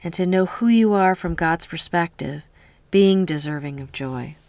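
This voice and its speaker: A woman leading a guided healing meditation in a soft, slow voice that often drops to a whisper, speaking close to the mic. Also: lowish voice, no room sound.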